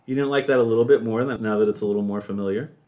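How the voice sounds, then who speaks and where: A man hosting a music podcast, talking with theatrical enthusiasm and jumping into high excited yelps. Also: racing, lo-fi sound. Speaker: podcast host.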